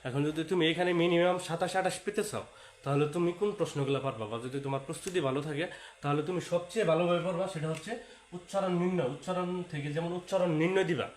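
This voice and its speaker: Echoey teacher lecturing. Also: male voice, a little high. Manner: repetitive, talks straight to students, sprinkles English words. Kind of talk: exam-prep lecture. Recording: echoey room with faint hiss.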